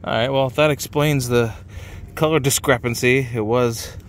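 A man in his thirties vlogging casually while walking through an outdoor car lot, excited and chatty, filmed on a handheld camera at arm's length. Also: medium pitch, normal speed, a little hiss or hum. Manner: excited, chatty, laughs often. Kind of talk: casual vlog walkthrough. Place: outdoor impound parking lot.

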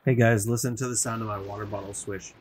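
A man's voice: fairly low pitch, fairly even intonation, fast talker. A young man joking around while playing a video game, goofy banter, tired. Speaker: let's play co-host. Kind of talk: casual gameplay chat.

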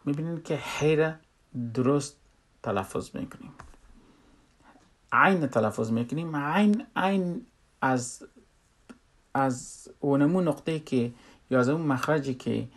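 Man, tajweed teacher, mid-pitched, plain explanatory delivery, drills example words. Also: long pauses. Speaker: Quran recitation teacher. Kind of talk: spoken tajweed lesson.

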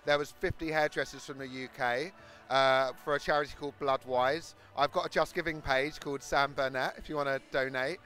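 In a large exhibition hall, backstage, a hairdresser in his thirties shows off his technique and explains his work into a handheld microphone. His South London accent carries a medium-pitched, bright, forceful delivery that is fairly quick with fairly even intonation.

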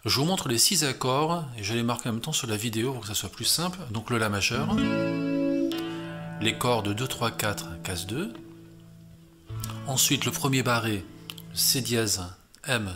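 A man with a French accent teaching a beginner guitar lesson, explaining chords step by step and counting beats aloud. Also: fairly low pitch.

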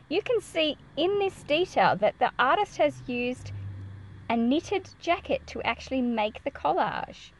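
Reading a picture book to children, a woman with a high-pitched voice explains the story expressively and puts questions to her young audience. She's a read-aloud presenter teaching kids, and the recording is rough.

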